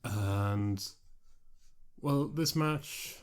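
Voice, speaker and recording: A man's voice: fairly low pitch, very slow, a little mellow, clear, resonant tone. A man with an Irish accent co-hosting a podcast, talking in casual, rambling chat and often trailing off. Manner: rambling, amused, trails off mid-sentence. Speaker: podcast co-host.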